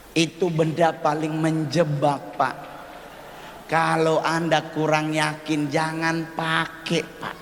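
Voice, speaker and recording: A male stand-up comedian performing an animated set for a live audience, often calling out to them as sir. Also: on the high side, long reverb tail, a little hiss or hum. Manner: animated, exclaiming and addressing the audience as "Pak". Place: event stage before a live audience.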